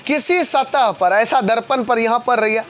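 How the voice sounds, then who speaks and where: A man teaching a physics class to students. He talks fast and keeps repeating questions for the class to answer back. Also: very high voice, a bit bright. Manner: fast, repetitive call-and-response questioning.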